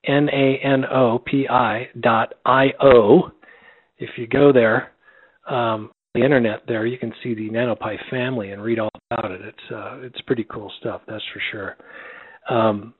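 A man acting as net control on a ham radio net, talking in a friendly, halting way with many fillers. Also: mid-range voice, steady tone, slightly rough, dry recording. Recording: dry tinny radio audio.

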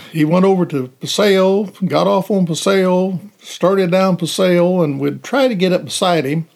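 Gravelly-voiced male police officer. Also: high voice, a little slow, darkish tone. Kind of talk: casual storytelling interview.

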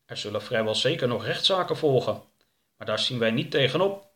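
A man's voice: medium pitch, animated, fairly quick, a bit bright, natural voice. A man voicing a self-assured older male politician in a storybook reading, earnest and self-satisfied.

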